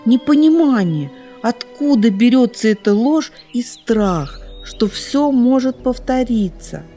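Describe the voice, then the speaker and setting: A woman's voice: on the high side, animated, slow, dark tone, soft background music, voice pushed up. A woman voicing an earnest young fox cub who leads the group, in a storybook.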